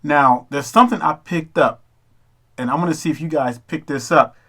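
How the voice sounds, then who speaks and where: Male commentator, preachy, voice a bit high. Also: normal speed, fairly bright tone. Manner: preachy, addresses brothers and sisters. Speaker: religious commentator. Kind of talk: casual video commentary.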